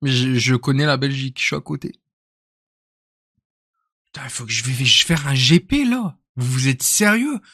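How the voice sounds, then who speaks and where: A man's voice: medium pitch, lively intonation, moderate pace, pauses often, a bit bright, dry recording, studio quality. A young man from northern France with a northern French accent, chatting casually and jokily on a live stream, often trailing off into mutters. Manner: rambling, jokey, trails off into mutters.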